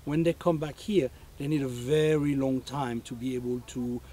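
A man's voice: medium pitch, steady tone, moderate pace, mellow. A man explaining in an unscripted interview as a conservation worker. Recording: faint ambient background noise.

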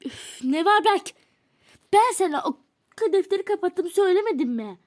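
A woman's voice: extremely high pitch, lively intonation, normal speed, a little mellow, voice pushed up. A woman voicing an angry teenage girl who scolds her boyfriend with exasperated sighs in a doll role-play story. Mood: scornful. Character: angry teenage girl, hurt and scornful girlfriend.

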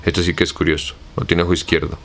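A man reading as a timid servant, deep flat voice. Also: fast talker. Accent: Mexican Spanish. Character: simple fearful male servant climbing a tree.

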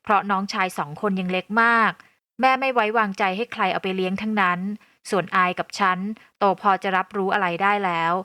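A woman narrating a first-person audio novel in a calm, even storytelling voice. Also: mid-range voice, fairly quick, dry recording.

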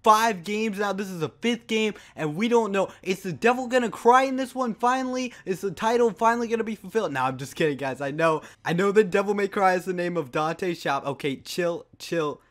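Young man, high voice, jokey, excitable walkthrough commentary. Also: brisk, few pauses. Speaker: gaming youtuber.

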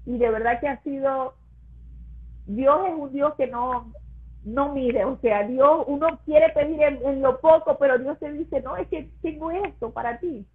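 A woman giving an emotional religious testimony to a pastor, her voice rising high when she is moved. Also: a little slow. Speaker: guest sharing her testimony. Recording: tinny phone-like line.

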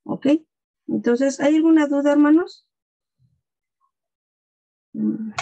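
A woman's voice: high-pitched, slow pace, gravelly, dark tone, highs cut off. Woman walking a video class through steps. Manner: patient, explaining step by step. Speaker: class instructor. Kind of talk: online class walkthrough. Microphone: video call.

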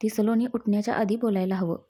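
A woman's voice: mid-range voice, fairly even intonation, fast talker, warm tone, husky, lightly acted. A woman reading the lines of an anxious, affectionate young wife in a storybook, worried and pleading.

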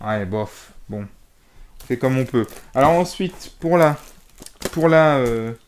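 A man's voice: medium pitch, animated, takes it slowly, slight background noise. A young man showing off his game purchases to camera in a casual video, rambling with many fillers while he moves boxes around. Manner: rambling, hesitant, lots of fillers; moving around handling boxes while talking. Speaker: gaming vlogger. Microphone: camera mic.

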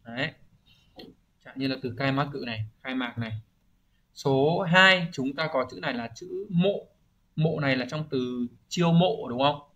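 This Japanese language teacher has a medium-pitched, fairly bright voice with lively intonation and a measured pace, captured in lo-fi sound. In his exam-prep vocabulary lesson, he explains each answer and frequently asks rhetorical questions to make sure students follow.

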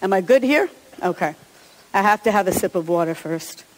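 A woman's voice: medium pitch, animated, normal speed. A woman pastor giving an Easter sermon and children's message in a church, chatty and encouraging and often chuckling. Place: large church sanctuary. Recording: long church reverb.

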